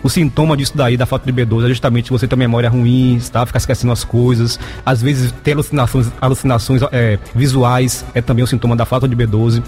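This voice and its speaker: A man's voice: mid-range voice, flat delivery, fast talker, hardly any pauses, darkish tone. A Brazilian man giving explanatory health advice as an expert guest, didactic and often checking in with short tags. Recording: echoey room, music behind. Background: music.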